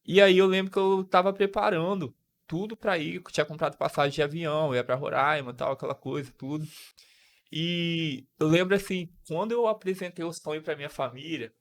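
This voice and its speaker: A man's voice: fairly high pitch, fairly quick. A young man from Brazil hosting a podcast, telling a personal story with feeling, full of slang and restarts. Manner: emotional, slang-filled storytelling with frequent restarts. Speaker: podcast host.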